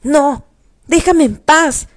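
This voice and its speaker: A woman voicing a mocking younger brother, a young boy with a high, bratty voice. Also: extremely slow. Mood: scared. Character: taunting boy, the pesky little brother.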